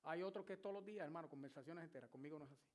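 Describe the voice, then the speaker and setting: A man's voice: fairly high pitch, very fast. A man in his sixties, a pastor preaching a sermon with vivid, emphatic storytelling. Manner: storytelling, emphatic, shouts at climaxes.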